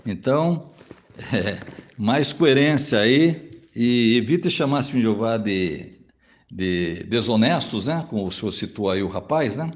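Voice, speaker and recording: A man's voice: medium pitch, lively intonation, measured pace. Guy answering a pastor, keeps saying né, voice moves up and down a lot, kinda muffled audio. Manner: addresses the listener formally, tags sentences with "né?"; reads and cites scripture passages aloud. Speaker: Jehovah's Witness responding to a pastor. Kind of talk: recorded rebuttal monologue. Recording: dull, lo-fi audio.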